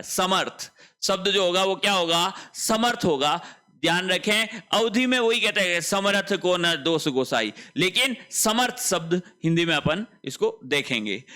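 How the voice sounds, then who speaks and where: Hindi teacher guy, fairly high bright voice, keeps asking himself why and answering. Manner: repeats each word, asks and answers his own questions. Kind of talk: online spelling lesson.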